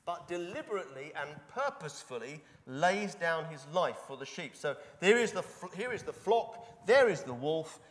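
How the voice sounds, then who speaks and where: A man's voice: on the high side, very animated, normal speed, hardly any pauses. A man preaching a sermon into a fixed microphone, talking conversationally with rhetorical questions and repetition. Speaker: pastor. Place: church. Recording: reverberant church hall.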